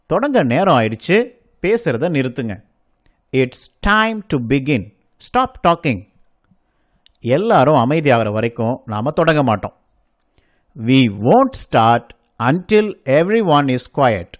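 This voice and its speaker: Male English teacher, slow deliberate model phrases with an animated lilt. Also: a little high. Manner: says each sentence in Tamil, then slowly and clearly in English. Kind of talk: bilingual language lesson.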